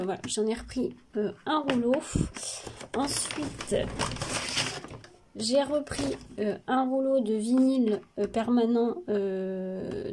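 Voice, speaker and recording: A woman with a sniffly cold speaks casually from her home studio. Her voice is mellow and slightly high, and her speech is hesitant and full of fillers. There is a faint hiss in the background. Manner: hesitant, many pauses and fillers. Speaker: craft vlogger. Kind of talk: casual studio vlog chat.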